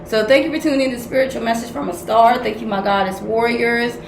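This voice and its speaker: Delivering a tarot message reading like a tough-love sermon, a grandmother who works as a spiritual counselor speaks bluntly and with profanity. Her voice is a little high and creaky, with fairly even intonation at a quick pace, and the noisy room echoes.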